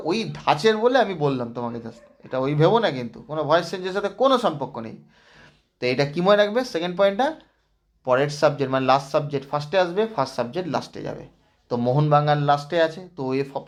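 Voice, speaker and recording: A man teaching grammar as a lesson, explaining step by step and asking rhetorical checks. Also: a little high. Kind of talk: classroom lesson.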